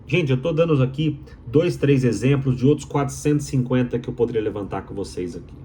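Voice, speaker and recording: Slightly fast and mellow at medium pitch, a man with a Mineiro accent from Minas Gerais, Brazil, delivers an opinionated explainer as a doctoral student. He leans emphatic and rhetorical, circling back to key phrases, with slight background noise.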